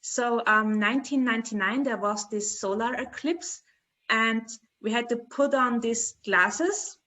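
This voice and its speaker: Slow-talking young woman guest. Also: a little high, pushed and bright. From Dominican Republic. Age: 20s. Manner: halting, searching for words, laughs often. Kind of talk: casual interview chat.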